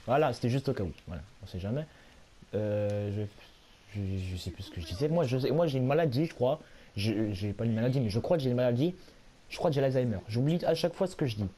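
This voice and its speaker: A hoarse young man, a little sick, giving rambling, self-mocking commentary while he plays a video game at home. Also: medium pitch, lively intonation, fast talker, mellow, slight background noise. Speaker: gaming YouTuber. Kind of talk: casual let's-play commentary.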